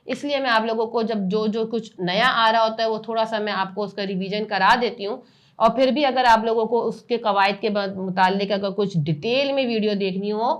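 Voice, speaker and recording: خاتون استاد، آہستہ بلند آواز میں ہجے. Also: female voice, on the high side. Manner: slow, drawn-out loud recitation of syllables, then brisker explanations. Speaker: Quran reading teacher. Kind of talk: spelling-out Quran reading lesson.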